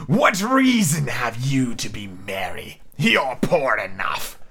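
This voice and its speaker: A man's voice: medium pitch, big pitch swings, bright, forceful tone, slightly rough, exaggerated voice. A man voicing a bitter, scornful old miser from a storybook, in a growling, sneering drawl. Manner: sneering, slow and stern. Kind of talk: storybook character reading.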